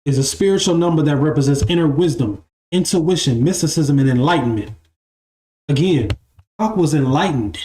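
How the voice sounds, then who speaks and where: A man in his 20s hosts a spiritual live stream, musing casually in an echoey room with faint music playing. His voice sits on the high side and is warm, with lively intonation at normal speed, and he repeats phrases and keeps asking "right?"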